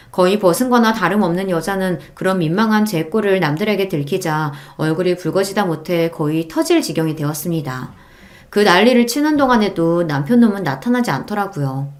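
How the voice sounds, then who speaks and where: A woman's voice: fairly low pitch, lively intonation, a little fast. A woman narrating a first-person audiobook story in an indignant, emphatic tone.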